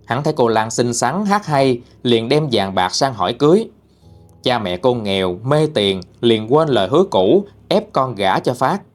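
Southern vietnamese guy telling ghost stories, very animated pitch, soft music behind. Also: moderate pace. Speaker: ghost story narrator and channel host. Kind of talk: storytelling narration.

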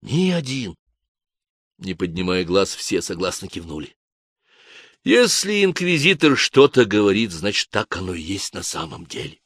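Expressive male audiobook narrator, dry sound. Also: low-pitched, normal speed, husky, no room sound. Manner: expressive reading. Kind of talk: scripted narration.

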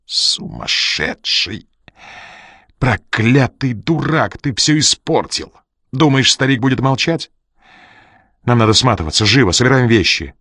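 A man voicing a shrill, frantic young woman. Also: unhurried, no echo, studio quality, close to an everyday voice. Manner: sharp, urgent commands.

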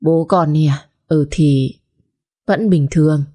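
A woman voicing an elderly mother who gently soothes and reassures her daughter. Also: low voice, slow pace. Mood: soothing.

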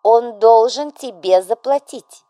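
A woman's voice: fairly high pitch, animated, moderate pace, mellow, dry recording, voice pushed up, natural voice. A woman voicing an overbearing, melodramatic widowed mother who scolds and presses her grown son, in an audiobook. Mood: scolding, tragic.

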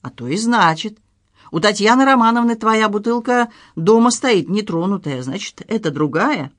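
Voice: mid-range voice, expressive, moderate pace, a bit bright, pitched above the performer's own voice, natural voice. A narrator voicing a stern, unflappable male police captain who talks bluntly, read in an audiobook. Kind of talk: audiobook character reading.

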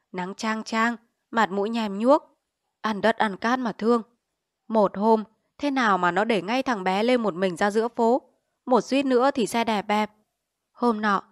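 A woman's voice: mid-range voice, no echo, clean studio sound. Woman reading a novel aloud. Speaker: audiobook reader.

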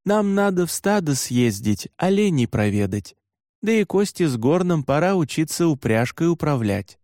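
A man reading an audiobook, voicing an older reindeer herder who gives steady, practical instructions. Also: on the high side, normal speed, dry recording, clean studio sound. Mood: calm instructing. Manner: steady instructing, calls out loudly from afar. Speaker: reindeer herder teaching the boy.

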